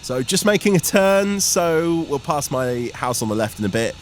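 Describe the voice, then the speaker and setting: A student pilot vlogger gives informal, enthusiastic commentary on a flight in a high-ish, sing-song voice at a moderate pace. Aircraft engine noise runs behind his voice.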